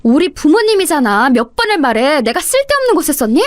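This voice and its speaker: A wounded, indignant middle-aged wife whose voice climbs high and shrill when she pleads through tears, as a woman reader acts her out. The audiobook voice sits well above the usual range and is recorded close and dry, with no room echo. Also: very animated, brisk. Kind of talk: audiobook story narration.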